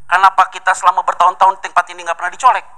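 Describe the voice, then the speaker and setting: A man's voice: high voice, monotone, very fast, sharp tone. A man voicing his wife, who asks skeptical, teasing questions.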